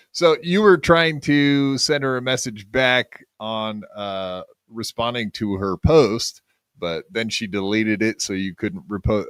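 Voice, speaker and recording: A man's voice: mid-range voice, a bit bright, no room sound, clean studio sound. A man hosting a podcast, asking questions in a laid-back, casual way. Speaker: podcast host.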